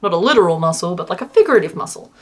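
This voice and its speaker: This crochet streamer chats casually on her livestream, rambling with plenty of fillers, reading the chat aloud and quietly counting stitches. She has a lowish voice with lively intonation and talks at a racing speed.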